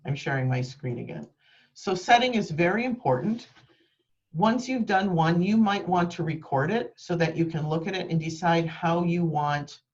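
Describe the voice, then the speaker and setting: Lady trainer on a video call, chatty and practical, bit muffled webcam sound. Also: on the low side. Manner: practical, conversational, with frequent ums. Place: home office with green screen. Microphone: webcam microphone.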